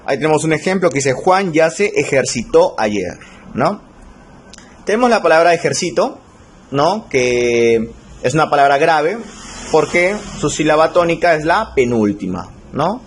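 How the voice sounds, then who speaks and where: A man teaching a recorded spelling lesson, slowing down to stress key rules and checking in with his students. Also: on the high side, very animated, slight background noise. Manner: slow, stretched emphasis on key rules, frequent check-ins. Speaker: language teacher.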